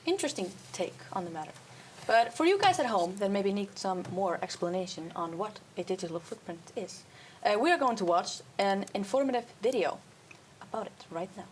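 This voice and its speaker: Young woman, talk show host, upbeat, mid-pitched voice, faint room hiss. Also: animated, brisk. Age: teens or young adult. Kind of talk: student talk show hosting.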